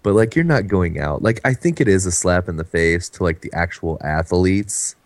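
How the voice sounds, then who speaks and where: Young male co-host, deep and animated, says what he thinks. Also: normal speed, dry recording. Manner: blunt, opinionated. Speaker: podcast co-host. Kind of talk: casual group chat.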